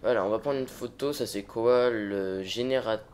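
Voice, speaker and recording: A man's voice: medium pitch, normal speed, a little mellow. A man hosting a let's play, chatting informally and a little hesitantly to viewers as he improvises gameplay commentary.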